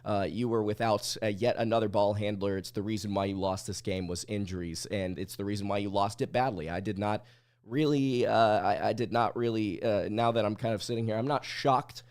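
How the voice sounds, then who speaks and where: A man's voice: fairly low pitch, fairly even intonation, fairly quick, darkish tone, clear, resonant tone. A male podcast host giving blunt, opinionated live sports commentary, his voice sounding sick and under the weather.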